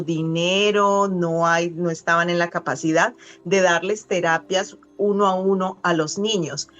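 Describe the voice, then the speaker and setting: Earnest middle-aged woman, lowish voice. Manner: earnest, reflective, with frequent pauses and restarts. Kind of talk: conversational interview.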